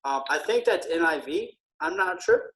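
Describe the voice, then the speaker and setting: A man who is feeling ill, a military veteran speaking earnestly and haltingly with many pauses in a casual podcast conversation. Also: a little high, lively intonation, fairly bright tone, low-quality recording.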